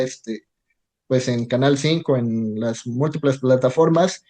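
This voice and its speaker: A man hosts a casual talk show interview. He asks loose, conversational questions and chimes in with short agreements. His voice is a bit higher than most men's. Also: a little mellow. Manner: brief affirmations and chatty questions.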